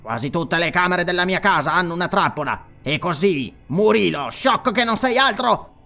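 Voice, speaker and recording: A gloating, treacherous priest with a raised, lively voice that sneers with irony at every turn, as a male narrator puts him on. He speaks in a strained, sharp tone that swings up and down. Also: high-pitched, moderate pace, gravelly, faint music behind, voice pushed up, heavily acted. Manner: sneering, ironic. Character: sly mocking treacherous male red priest.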